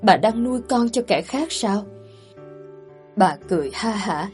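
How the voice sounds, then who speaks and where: Faint music plays behind a woman narrating a family drama audiobook as a storyteller, giving the characters' quoted lines her own voice with mild emotion. She speaks in an animated, unhurried mid-range voice with a darkish tone.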